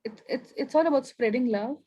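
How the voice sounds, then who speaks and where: A woman's voice: high voice, fairly quick, mellow. A woman with an Indian English accent, a coaching client on a one-on-one call, eager and agreeable, often murmuring assent. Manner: eager, agreeable, frequent affirmations.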